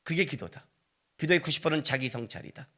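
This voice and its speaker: A man's voice: on the high side, quick pace, bright, forceful tone. A male pastor preaching a sermon in a church, telling a personal story with acted-out dialogue and asking the congregation questions. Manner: conversational, asks the congregation questions. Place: church sanctuary.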